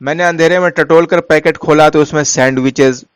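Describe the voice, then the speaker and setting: A man narrating a story in a measured, steady way, softening his voice for quoted lines. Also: a little high, clean tone, dry recording.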